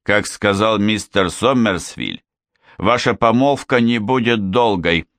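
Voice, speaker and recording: A man voicing a stern, dignified middle-aged police superintendent who speaks in a slow, measured way. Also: on the low side, fairly bright tone, no room sound, studio quality.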